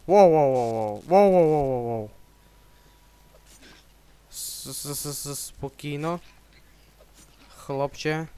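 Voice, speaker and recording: Young male let's-player, Ukrainian accent, smooth mid-pitched voice, jokey horror game commentary with startled yelps. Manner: joking, yelps "whoa" when startled. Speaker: let's play gamer.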